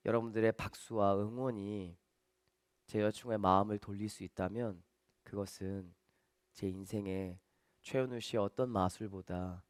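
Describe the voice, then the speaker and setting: A man's voice: fairly low pitch, a little mellow, dry recording, voice pushed down. A man voicing a young man who is making a subdued, solemn plea to win over his dying girlfriend. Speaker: audience member at a magic show.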